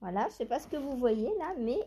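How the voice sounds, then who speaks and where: Speaking a little fast with lively intonation, a woman with a slightly high, mellow voice talks casually to viewers as she chooses yarns at home among her stash. She's a knitting vlogger filming on a handheld phone, thinking aloud in a hesitant, musing way packed with fillers and self-questions. A little hiss or hum runs underneath.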